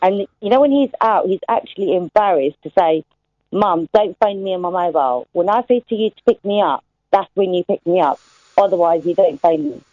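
On a phone-in radio chat, a caller in her late thirties gushes with praise, chatty and eager. She speaks fairly quickly in an expressive voice on the low side, carried over a thin, tinny phone line with a dry sound and no echo at all.

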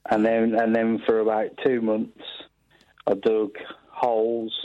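A man's voice: fairly low pitch, monotone, slow, no echo. A man in his thirties calling in over the phone, hesitant and full of ums and restarts. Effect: heard over the phone. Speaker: caller to a phone-in show. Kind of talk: casual chat. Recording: dull phone-line sound.

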